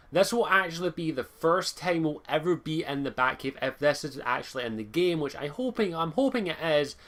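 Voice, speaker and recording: Young man, casual gaming commentary, rambling, swears freely, mid-pitched voice. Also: a bit bright. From Scotland. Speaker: gaming video host.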